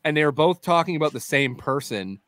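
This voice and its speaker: A man's voice: a little high, lively intonation, brisk, a bit bright, no room sound, clean studio sound. A man co-hosting a podcast, riffing and joking in casual chat. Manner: jokey, riffing. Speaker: podcast co-host.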